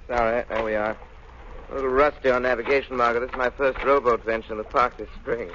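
A man playing a suave, wealthy young gentleman hero in a 1930s radio drama, easy and genial. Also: medium pitch, fairly even intonation, quick pace, slight background noise, lightly acted. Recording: muffled old radio recording.

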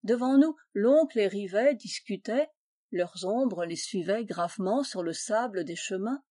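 A woman reading a classic tale aloud as an audiobook, in a measured, expressive storytelling manner. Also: mid-range voice, no room sound, studio quality. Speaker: audiobook reader.

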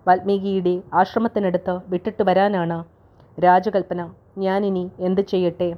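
A woman voicing a loyal young warrior prince in grief, in a calm, measured storybook reading, on a dull lo-fi recording. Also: fairly low pitch, lightly acted. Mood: helpless.

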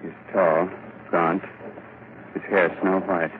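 A man's voice: sits low, little pitch movement, slow pace. A man playing a macabre, mock-courteous horror host and narrator on old-time radio, sardonic and theatrical. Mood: ominous, storytelling. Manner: sardonic, ghoulishly teasing, theatrical. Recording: muffled, noisy vintage radio recording.

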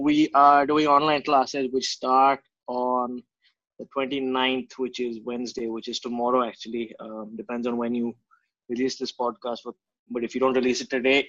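A man's voice: medium pitch, a bit bright, no room sound. Indian man, dry, slightly dull recording. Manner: informal, blunt, slangy. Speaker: martial arts coach, interview guest. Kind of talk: casual interview chat.

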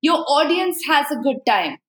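A woman's voice: sits high, very animated, moderate pace, reverberant. A woman with an Indian accent explaining things conversationally and emphatically, often acting out imagined dialogue.

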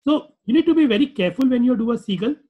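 Male webinar presenter, North Indian accent, high-pitched, informal and repetitive explainer style, slightly muffled recording. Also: lively intonation, rapid-fire. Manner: conversational, repetitive, rhetorical questions. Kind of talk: informal webinar lecture with acted-out client dialogue.

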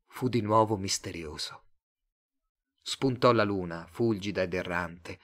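A man narrating a storybook in a measured, expressive reading voice. His delivery is steady and clear, pacing each sentence with care. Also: mid-range voice. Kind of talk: audiobook narration.

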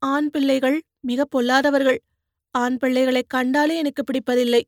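A woman voicing a spirited, sharp-tongued young boatwoman who answers with mocking retorts, in an audiobook. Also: high-pitched, level tone, normal speed, no echo, studio quality.

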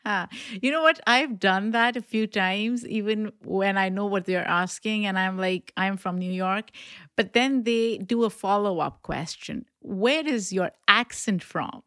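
A woman's voice: medium pitch, unhurried, fairly bright tone, no echo, studio quality. A woman hosting a podcast interview, asking curious questions and affirming her guest with short interjections. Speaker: podcast host.

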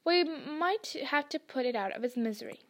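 A woman voicing a huge, gruff, kindly male gamekeeper who talks bluntly. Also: high voice, animated, normal speed, fairly bright tone.

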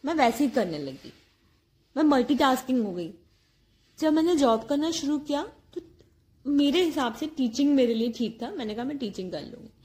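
A woman's voice: sits high, lively intonation, normal speed, a little mellow. A woman in her thirties telling comic housewife stories in a chatty, exasperated way. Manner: chatty, exasperated storytelling with acted-out quotes. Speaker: housewife comedian. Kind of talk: comic monologue.

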